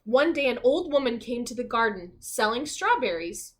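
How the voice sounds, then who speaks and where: With a slightly high voice and big swings in pitch, a woman teacher gives an expressive reading of a children's storybook. She pauses at points to put easy questions to her audience.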